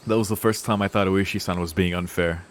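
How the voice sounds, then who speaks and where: A man with a low voice talks fast and keeps his intonation fairly even. He's a streamer playing through a visual novel, reading its text aloud and mixing in casual, foul-mouthed, emotionally invested let's play commentary.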